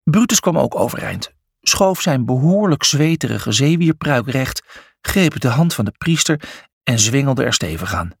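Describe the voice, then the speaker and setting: A man narrating a children's storybook in an expressive, scripted reading. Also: medium pitch, unhurried, creaky, breathy edge, no echo, clean studio sound. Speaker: audiobook narrator.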